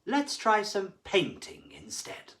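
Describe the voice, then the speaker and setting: A man voicing a kind, gentle female fish teacher in a storybook reading, speaking in a sing-song, coaxing way. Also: high voice, wildly swooping pitch, slow, recorded from a distance, pitched above the performer's own voice, heavily acted. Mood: cheerful.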